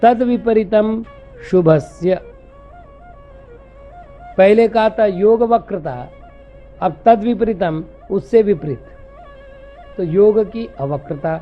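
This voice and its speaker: A man, a monk teaching scripture, who recites verses deliberately and then explains them in a patient way. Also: high-pitched. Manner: patient, explanatory, corrects common misreadings. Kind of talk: scripture lecture in Hindi. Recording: dull lo-fi recording with faint music.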